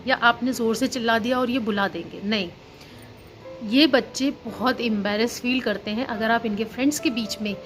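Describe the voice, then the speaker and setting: A woman in her thirties, a housewife and teacher, talking earnestly in a casual parenting vlog, often repeating herself and slipping English words into her talk. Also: on the high side. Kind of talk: casual chat about parenting.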